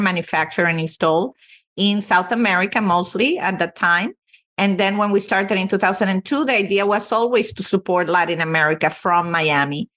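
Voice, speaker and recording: A woman's voice: lowish voice, a bit bright. A woman from Venezuela, a company CEO, telling her career story with earnest emphasis as a podcast guest. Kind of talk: podcast interview.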